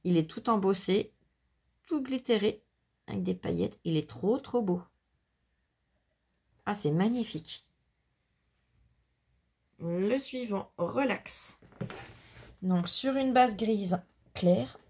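A woman's voice: medium pitch, slow pace, vocal fry, pauses often, a little mellow, husky. A woman showing off handmade bookmarks in a casual vlog, admiring each one in detail. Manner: gushing, admiring, describes crafts in detail. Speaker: scrapbooking vlogger. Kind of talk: casual unboxing chat.

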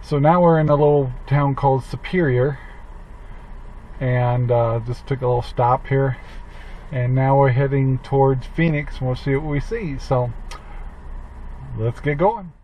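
A man in his fifties talking casually about an RV road trip, relaxed and rambling with many fillers, recorded in his truck and outside his RV. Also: mid-range voice, measured pace, long pauses, slight background noise, poor audio. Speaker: RV travel vlogger. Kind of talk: casual travel vlog chat. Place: in a pickup truck, then outdoors beside an RV.

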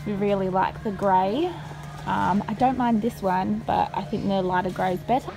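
A young Australian woman vlogs casually on her phone, held at arm's length, chatting to viewers as "guys" while in a store and a car. Her mid-range voice is gravelly and moves at normal speed. The recording is low quality, with music in the background.

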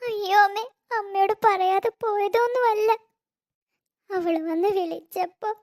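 A woman voicing a timid, frightened little girl in an animated cartoon, pleading and whimpering. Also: very high-pitched, measured pace. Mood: pleading, tearful.

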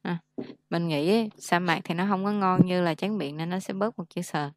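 A woman's voice: on the low side, moderate pace, no echo, studio quality. A young woman teaching an English lesson on a video call, chatty and laughing often, mixing English words into her explanations. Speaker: English tutor. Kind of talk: casual online lesson.

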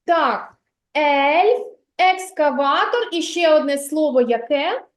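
A woman's voice: sits high, animated, slow, reverberant. A woman teaching a literacy lesson to preschoolers in a kindergarten classroom, patient and encouraging, praising the children often.

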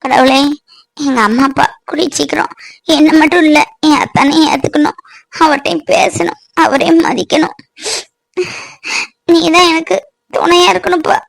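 Casting: woman doing a high-voiced, homesick young wife, emotional but quick to deny it, cartoon. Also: fairly bright tone, no room sound, close to an everyday voice. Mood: sad. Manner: emotional, pleading, then covering up with brisk denials. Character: young married village woman, homesick and tearful. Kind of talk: cartoon voice acting.

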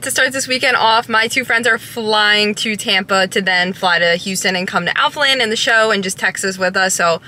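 A woman's voice: mid-range voice, bright, forceful tone. A young woman chatting casually as a fitness vlogger, talking to a handheld camera on a stick in a bubbly, chatty way. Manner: bubbly, chatty, says "super" and "literally" a lot. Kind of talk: casual vlog.

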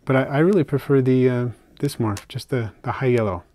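An older man casually narrating a hobby vlog as he unpacks and shows his isopod purchases, talking in a relaxed, chatty way with fillers and soft asides. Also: medium pitch, brisk, no echo. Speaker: isopod keeper unboxing purchases. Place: indoors at a table, hands on camera.

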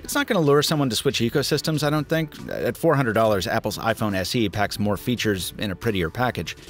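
A man in his thirties from the United States narrating a scripted tech review with lively, emphatic delivery. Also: a little fast. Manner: lively, emphatic delivery with wide pitch swings. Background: faint music.

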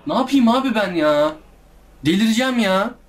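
A man's voice: high-pitched, animated, normal speed. A young man commenting live on a hard game he is playing, exasperated, groaning and pleading with the enemies as he keeps losing. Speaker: gameplay streamer.

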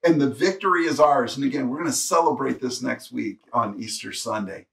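Pastor, male, mid-pitched, earnest preacher, somewhat distant from the mic. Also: fairly quick, gravelly, a bit bright. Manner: earnest preaching, reads scripture aloud, rises to emphatic peaks. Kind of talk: sermon.

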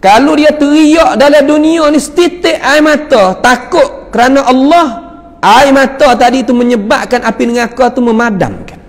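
High-voiced Malay preacher in echoing mosque. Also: male voice, moderate pace. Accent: Kelantan/Patani Malay. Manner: storytelling, quotes Arabic verses then explains them. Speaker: religious teacher. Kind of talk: Quran commentary lesson.

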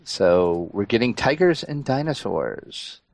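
A man co-hosting a casual gaming podcast, calmly explaining new features step by step. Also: fairly low pitch, slow, vocal fry, no room sound, poor audio. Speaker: podcast co-host.

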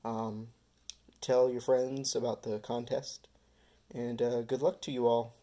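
A man hosting his own pet care vlog, talking in a relaxed, rambling way with many fillers and pauses. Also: mid-range voice. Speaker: pet-keeping channel host.

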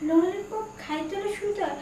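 A woman's voice: very high-pitched, normal speed, mellow, a little hiss or hum. A young woman playing a naive, childlike girl who talks in a whiny, pleading way. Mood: puzzled. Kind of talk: amateur short-film acting. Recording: echoey room, distant mic, music.

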